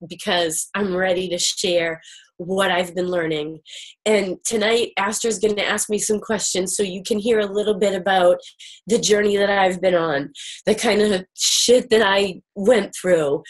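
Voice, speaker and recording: A woman host speaking casually and candidly about herself, in a confessional style with emphatic repetition. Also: medium pitch. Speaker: show host sharing her own journey.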